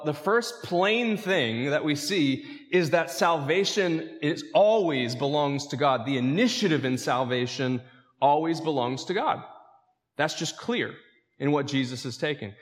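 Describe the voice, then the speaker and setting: A man's voice: fairly high pitch, long reverb tail. A male pastor preaching a sermon, calling out questions to his congregation. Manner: lively preaching with calls to the congregation.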